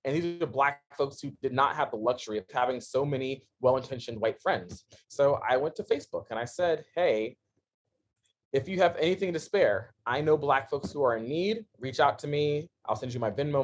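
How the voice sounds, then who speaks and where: A guest on a podcast, this man in his thirties relates his story in a casual interview, often laughing and turning from excitement to quiet earnestness. He speaks a little fast with a medium pitch, recorded on a podcast microphone.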